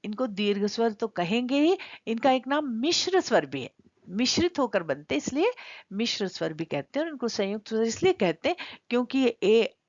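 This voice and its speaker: A woman's voice: medium pitch, creaky, no room sound. A middle-aged woman teaching Sanskrit grammar in a video lesson, explaining step by step and drawing out vowel sounds to show their length. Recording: dry, slightly dull lo-fi sound.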